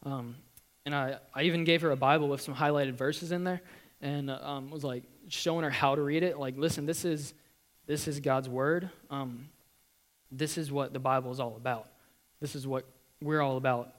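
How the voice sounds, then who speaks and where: A young man giving a church testimony, earnest and halting, with many ums and restarts. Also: mid-range voice, fairly even intonation.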